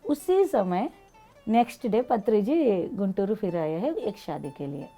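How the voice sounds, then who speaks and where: A woman guest telling personal stories, speaking animated, non-fluent Hindi mixed with English. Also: mid-range voice, a little slow, soft background music. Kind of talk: personal storytelling in an interview.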